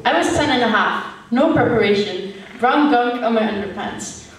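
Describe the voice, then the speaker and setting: A young woman performing a stage monologue, telling her story with lively delivery. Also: on the high side, moderate pace, natural voice. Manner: lively storytelling, switching into quoted voices. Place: stage in a hall. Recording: echoey hall from far off, faint noise.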